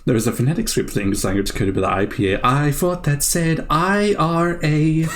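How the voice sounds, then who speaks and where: A man's voice: a little high, fairly quick, very noisy. A man co-hosting a casual gameplay commentary, joking, swearing freely, laughing often and breaking into mock outrage. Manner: mock outrage and silly voices while reacting. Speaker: co-host of a let's play series.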